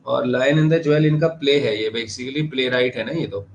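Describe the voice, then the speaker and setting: Male exam lecturer, medium pitch, reading questions slowly. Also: slight background noise, low-quality recording. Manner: explains in Hindi, reads questions slowly in English. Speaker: teacher.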